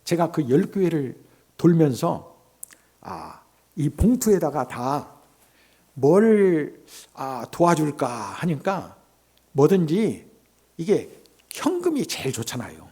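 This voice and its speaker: A man preaching as a missionary, telling a story in a sermon and swinging from loud exclamations to soft, hushed asides. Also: a little high, very animated, slow, pauses often, slightly rough. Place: church sanctuary.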